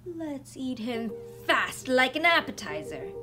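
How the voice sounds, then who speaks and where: A woman voicing a hungry stove monster who drawls slowly in a storybook reading. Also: high voice, big pitch swings, pitched above the performer's own voice, heavily acted. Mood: greedy. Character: hungry household stove monster, slow and greedy. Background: loud guitar music.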